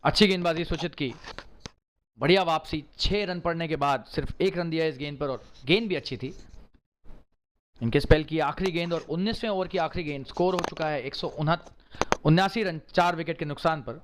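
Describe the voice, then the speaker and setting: A man delivers excited cricket commentary in a somewhat high-pitched voice. He works as a live match caller, following the play closely and exclaiming in short, emphatic bursts of praise. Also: fairly quick.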